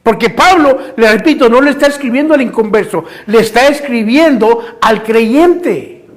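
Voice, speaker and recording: A man's voice: very high-pitched, animated, normal speed. A man preaching a fervent sermon in church as pastor, firing rhetorical questions and calling his listeners brother.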